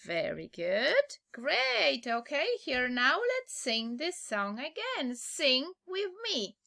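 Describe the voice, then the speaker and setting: A woman with a Polish accent teaches English to small children, speaking the way one reads to a toddler: exaggerated, sing-song and full of repetition. Her voice sits high and moves slowly, gravelly yet bright, with a forceful tone. It's a simple language lesson for little kids.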